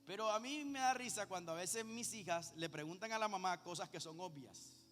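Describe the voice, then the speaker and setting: A man, teasing his congregation with quick rhetorical questions. His voice echoes through a large church hall over faint background music. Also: high-pitched, fairly bright tone. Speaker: pastor. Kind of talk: sermon.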